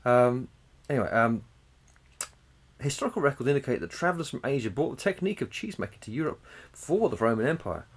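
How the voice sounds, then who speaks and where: A man chatting casually as a podcast co-host. He swears freely and slips into animated retellings, with a middle-of-the-road pitch. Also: fast, breathy edge. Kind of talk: casual chat.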